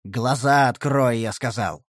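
A man voicing a menacing young male half-elf who hisses and growls threats in a low voice. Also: moderate pace, husky, no echo, studio quality. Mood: roaring.

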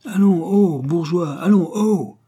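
A man voicing a rough, blunt male cab driver who bellows coarse remarks in a storybook reading. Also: mid-range voice, normal speed, dark tone, voice pushed up, close to an everyday voice. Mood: bellowing.

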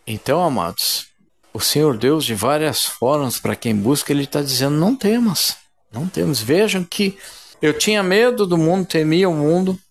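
A man's voice: a little high, normal speed. A man preaching a sermon in a fervent, emphatic way, often addressing his listeners as brothers.

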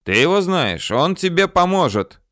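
A man doing a calm coaxing surveyor. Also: sits high, normal speed, dry recording, studio quality, pitched above the performer's own voice. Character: steady male surveyor, calm under threat.

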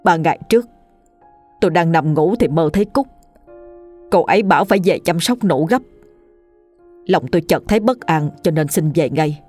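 A woman's voice: deep voice, expressive, normal speed, pauses often, darkish tone, faint music behind. A woman voicing a weeping soldier husband who mourns his dead wife in a spoken ghost story. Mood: grieving. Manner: tearful, grief-stricken.

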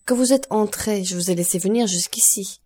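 A woman's voice: mid-range voice, brisk, darkish tone, husky, close to an everyday voice. A woman reading the lines of an anguished young man, desperate and furious, with passionate, pleading outbursts. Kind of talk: audiobook reading of a novel.

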